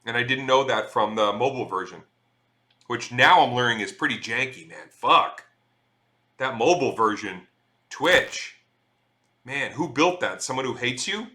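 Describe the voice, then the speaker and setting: A man's voice: mid-range voice, lively intonation, moderate pace, pauses often, pushed and bright. A middle-aged man chatting casually on a live stream, reading viewer messages aloud and swearing freely.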